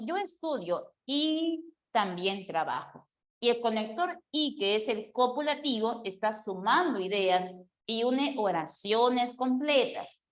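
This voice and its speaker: A woman teaching a classroom grammar lesson, explaining step by step with examples and questions to the class. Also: a little high. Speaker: language teacher.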